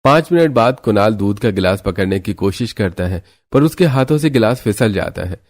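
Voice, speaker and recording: A man narrating a scripted family story in a steady storytelling manner. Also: lowish voice, normal speed.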